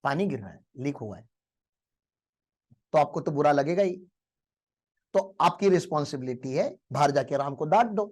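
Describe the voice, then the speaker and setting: A man's voice: fairly high pitch, animated, moderate pace, long pauses, a little mellow. A male teacher giving a motivational lecture in a classroom, telling stories and asking the class rhetorical questions.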